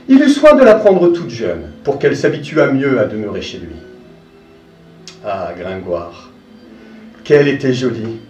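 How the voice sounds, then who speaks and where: A man giving a live dramatic reading of a classic tale, expressive and speaking straight to his listener, dropping to hushed asides. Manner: expressive, addresses the listener directly, sinks to hushed low asides. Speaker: storyteller. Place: live performance room. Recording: roomy distant live recording, faint music.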